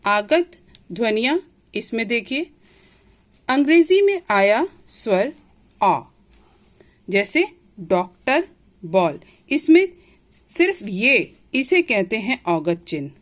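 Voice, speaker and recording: A woman's voice: fairly high pitch, very animated, takes it slowly, pauses often. A woman teaching a Hindi grammar lesson, patiently repeating each point and sounding out letters one by one. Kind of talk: classroom lesson explaining letters.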